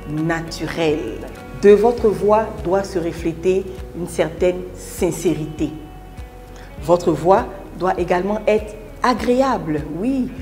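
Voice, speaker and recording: A woman giving a public speaking lesson in scripted narration, deliberate, with emphatic pauses and big shifts between loud and soft. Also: lowish voice. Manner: deliberate, with emphatic pauses and wide swings in loudness.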